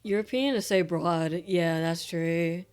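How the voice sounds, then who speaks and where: A young Australian woman chats loosely with her stream viewers, rambling with lots of fillers and the odd casual swear word. Her lowish, clean voice is a little mellow and slow, with faint music behind.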